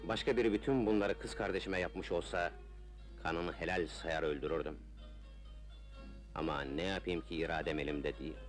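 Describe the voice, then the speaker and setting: A man's voice: deep voice, steady tone, normal speed, lightly acted. An actor playing an ardent, resolute Ottoman officer in an old film melodrama, speaking in solemn, poetic declamation. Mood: lovestruck, tender. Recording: old film soundtrack with music. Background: film music.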